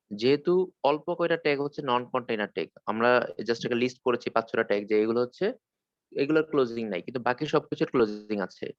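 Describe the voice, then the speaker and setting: Fast-talking male teacher, dull call audio. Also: mid-range voice, no room sound. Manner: quick, explanatory, asks and answers own questions. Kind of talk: online class lecture. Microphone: computer mic on a video call.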